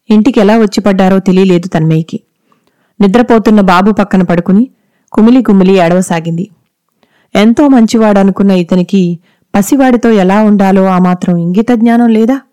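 A woman narrating a scripted story in a steady, measured way. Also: mid-range voice, clear, resonant tone, no room sound.

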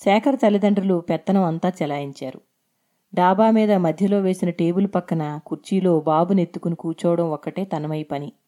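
Mellow-voiced woman reading a story. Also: lowish voice, brisk. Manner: steady, expressive storytelling. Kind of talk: scripted story narration.

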